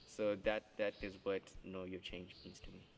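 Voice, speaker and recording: A man's voice: deep voice, little pitch movement, moderate pace, creaky, a little hiss or hum. A young man, a musician answering interview questions and searching for words. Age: 20s.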